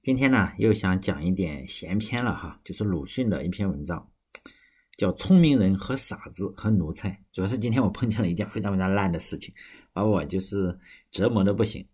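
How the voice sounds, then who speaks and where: Male podcaster, lowish husky voice, loose rambling read with frequent self-corrections. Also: a little fast, darkish tone. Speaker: podcast host. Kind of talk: casual storytelling and reading aloud.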